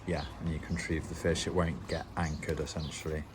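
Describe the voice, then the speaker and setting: Very deep-voiced man explaining a fishing rig. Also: little pitch movement, fairly quick, background noise. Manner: plain explanatory with dry self-mocking humor. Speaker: angling channel host. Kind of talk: step-by-step rig-tying tutorial.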